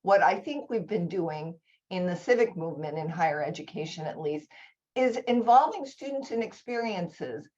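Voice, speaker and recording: A woman presenting a conference session over a video call, enthusiastic and informal, talking in quick bursts. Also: lowish voice, lively intonation, darkish tone, dull audio.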